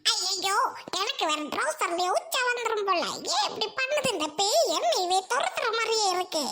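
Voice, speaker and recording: A woman's voice: very high voice, expressive, moderate pace, over loud music. A woman voicing a timid cartoon girl who wails and pleads in fear of a ghost. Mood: terrified. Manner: wailing, pleading. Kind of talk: cartoon voice acting.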